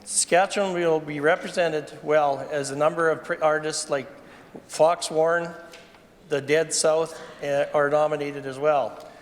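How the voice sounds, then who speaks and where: A man's voice: a little high, fairly even intonation, a little slow. A Canadian man reading a formal prepared statement as a legislator, stumbling over some words. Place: large indoor legislative chamber. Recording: reverberant chamber with faint noise.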